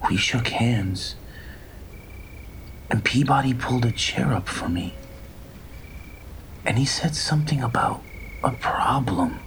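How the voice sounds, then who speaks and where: A man's voice: mid-range voice, animated, creaky, fairly bright tone, slight background noise. Man telling a tale in whispered role-play. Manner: whispered, slow first-person telling. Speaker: storyteller.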